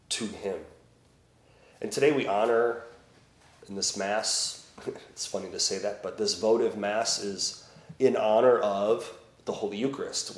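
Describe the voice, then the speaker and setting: Slow priest with church echo. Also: male voice, on the low side. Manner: slow, deliberate, with emphatic swells. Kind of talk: Gospel reading and homily at Mass. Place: church during Mass. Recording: echoey church room.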